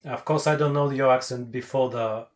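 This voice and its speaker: A man's voice: mid-range voice, steady tone, normal speed. A man interviewing, asking pointed questions in a skeptical, pressing manner.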